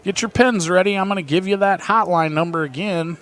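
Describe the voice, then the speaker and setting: A play-by-play announcer with an American Midwest accent calls a local baseball game in a brisk, fairly bright voice. He's chatty and reads viewer texts between pitches.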